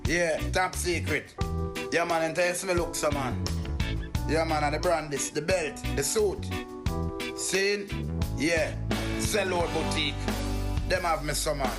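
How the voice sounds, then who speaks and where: A man's voice: on the high side, unhurried, pauses often, voice pushed up, lightly acted. A man doing a swaggering boutique promoter. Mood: boastful. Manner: showy, slangy, bragging. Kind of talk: boastful ad promo. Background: loud guitar music.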